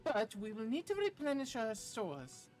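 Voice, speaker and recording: A woman's voice: a little high, huge pitch swings, unhurried, a little mellow, soft background music, pitched above the performer's own voice. A woman reading aloud as a formal, courteous scholarly mentor from a game, sometimes stumbling over the words.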